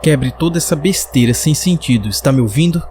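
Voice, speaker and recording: A man's voice: fairly high pitch, animated, fairly quick, darkish tone, a little hiss or hum, lightly acted. Man doing a sneering, cruel father. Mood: contemptuous. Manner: scornful, sneering. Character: bitter, cruel drunken father, middle-aged. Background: music.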